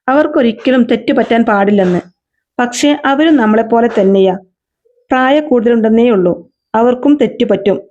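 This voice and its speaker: A woman's voice: fairly high pitch, warm tone, close to an everyday voice. A woman voicing a loving young woman who patiently coaxes her younger sister, in a storybook reading. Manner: soothing, patient, coaxing. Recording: slightly dull lo-fi recording.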